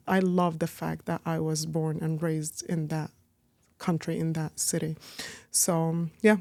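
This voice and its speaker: In a dry recording with no room sound, a guest who owns a business speaks with a fairly low, creaky, dark-toned voice. The chatty, Palestinian-born woman keeps things casual in the interview, saying "like" and "you know" a lot.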